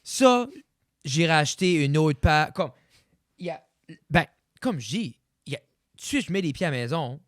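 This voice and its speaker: A man's voice: fairly high pitch, very animated, moderate pace, pauses often, no echo, clean studio sound. A young man with a Quebec French accent, co-hosting a casual podcast chat and slipping English words into his French. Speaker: podcast co-host.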